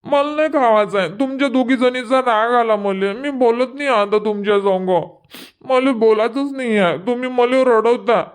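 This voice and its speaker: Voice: medium pitch, normal speed, smooth, natural voice. An actor voicing a sulky, whiny little village boy in a cartoon comedy, speaking with a Vidarbha Marathi accent and complaining to his grandmother.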